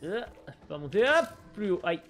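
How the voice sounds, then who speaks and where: A man's voice: high-pitched, very animated, fairly quick, a bit bright. Man, gaming streamer, casual running commentary, reads on-screen text aloud, faint music underneath. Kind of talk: casual let's play commentary. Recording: light game music behind.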